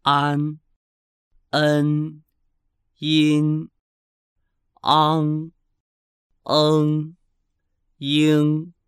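A man reading textbook pronunciation drills, enunciating each word carefully with pauses between them. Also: fairly high pitch, completely flat delivery, clean tone, no echo, studio quality. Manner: carefully enunciated, each syllable held apart. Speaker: language teacher reading drills.

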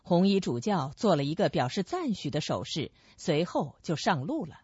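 A woman narrating a radio story in a steady storyteller's manner. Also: fairly low pitch, normal speed, husky, no room sound. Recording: dull lo-fi recording.

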